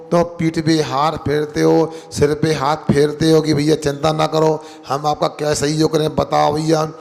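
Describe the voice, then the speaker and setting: A man's voice: fairly high pitch, gravelly. A man who is a monk giving a sermon, telling a story and quizzing his listeners with call-and-response questions, stretching out key words. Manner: drawn-out emphatic words. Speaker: Jain monk preacher. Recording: long hall reverb.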